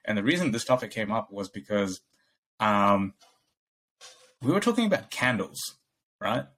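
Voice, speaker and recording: A young man from Bangladesh co-hosting a casual podcast, rambling through stories and acting out what others said. His voice sits a little low but has a bright, forceful tone. He laughs often. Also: big pitch swings, moderate pace. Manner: rambling, laughs often, acts out quoted dialogue. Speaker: podcast co-host. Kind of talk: casual chat.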